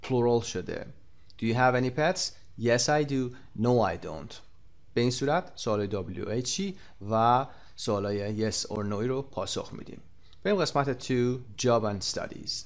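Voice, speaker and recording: A man from Iran giving a recorded English lesson, explaining quickly and then modeling each English phrase slowly and deliberately. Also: medium pitch. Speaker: English teacher.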